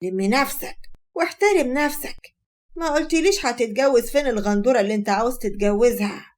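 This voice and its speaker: A woman voicing a sharp-tongued middle-aged Egyptian mother-in-law who scolds and insults her son-in-law. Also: a little high, lively intonation, quick pace, lightly acted. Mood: scornful.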